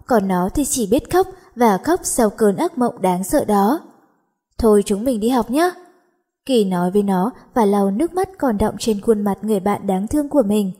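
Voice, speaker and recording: A woman narrating a story as an audiobook reader, in steady storytelling. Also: medium pitch, slightly rough. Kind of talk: audiobook narration of a teen romance.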